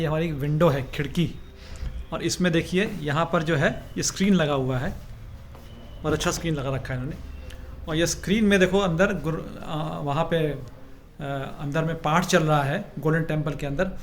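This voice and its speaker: A chatty man vlogs his trip in a slightly higher voice, talking straight to his viewers as he films himself on a phone. Faint background noise sits under his voice. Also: reverberant. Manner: chatty, addresses viewers directly. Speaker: travel vlogger. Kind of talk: casual travel vlog narration.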